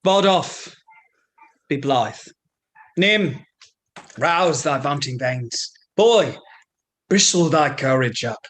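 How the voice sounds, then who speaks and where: A man's voice: a little high, expressive, extremely slow, pauses often, a bit bright, full character voice. A man playing a swaggering, bombastic soldier husband in a hammy, declamatory Shakespearean stage style. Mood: bombastic grief. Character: swaggering, bombastic soldier husband rousing his grieving companions.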